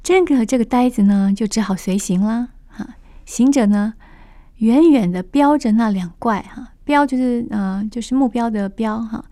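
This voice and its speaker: Chatty high-voiced woman storyteller. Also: moderate pace, warm tone. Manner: chatty, explains words with asides. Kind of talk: radio storytelling of a classic novel.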